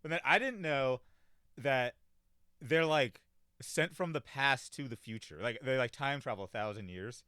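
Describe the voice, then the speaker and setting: A man's voice: mid-range voice, a little slow, bright, forceful tone, clear, resonant tone, no echo, studio quality. A man hosting a casual solo commentary, rambling through his thoughts with many fillers and an offhand, self-deprecating manner. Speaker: show host.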